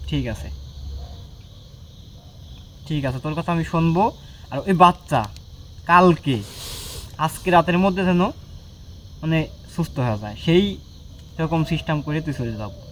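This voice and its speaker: A man's voice: fairly high pitch, normal speed, long pauses, slight background noise. A man working as a ghost hunter, confronting an unseen spirit at night with commanding, scolding talk and repeated short orders. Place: outdoors at a bamboo grove at night.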